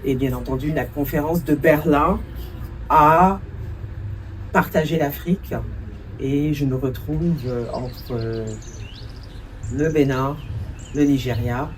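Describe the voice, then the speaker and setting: A woman's voice: deep voice, takes it slowly, pauses often, far from the mic, slight background noise. A woman in her forties, raised in France, answering interview questions as a cultural entrepreneur and producer, thoughtful, with many hesitations and a few English words mixed in.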